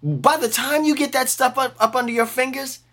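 Animated bright-voiced man in his forties. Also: very high-pitched, fairly quick. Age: 40s. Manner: animated, emphatic, slips into a mock preacher voice. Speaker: bass player guest. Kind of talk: casual interview chat.

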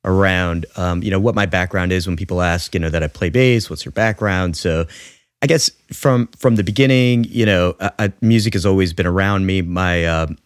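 A man in his fifties from New York, a bassist telling his story in a rambling, casual podcast chat full of fillers. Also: normal speed, clear, resonant tone, no room sound, studio quality. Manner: rambling, many fillers and restarts. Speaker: bassist co-host.

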